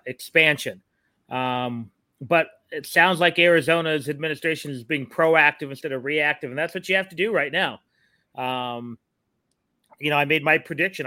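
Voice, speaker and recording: Bright, forceful man talking college sports. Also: a little high, no echo. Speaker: sports podcast co-host and analyst. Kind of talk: conversational sports commentary.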